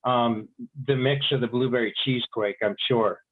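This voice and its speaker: Guy chatting, stop and start delivery, average pitch, sounds like a phone line. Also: fairly even intonation. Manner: halting, hesitant delivery. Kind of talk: casual chat.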